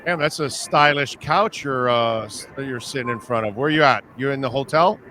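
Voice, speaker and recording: A man's voice: mid-range voice, moderate pace, sharp tone, soft background music. A man hosting a sports talk show, chatting casually and putting questions to his guest.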